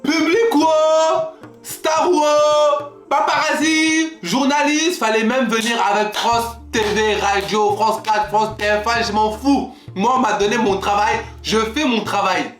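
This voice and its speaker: A young man talking casually to camera, animated and acting out his exchanges with customers. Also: very high voice, slow pace. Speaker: vlogger. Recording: roomy echo, faint music.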